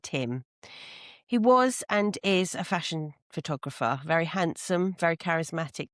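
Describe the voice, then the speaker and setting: A woman voicing a posh woman in her sixties, reading a listener's letter in a measured way. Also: on the low side, no echo, clean studio sound, natural voice.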